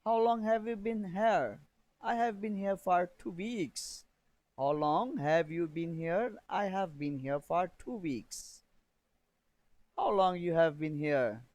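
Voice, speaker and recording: A man teaching a beginner English lesson, reading drill sentences slowly and repeating phrases for learners to copy. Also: sits high, a little mellow, no echo, low-quality recording.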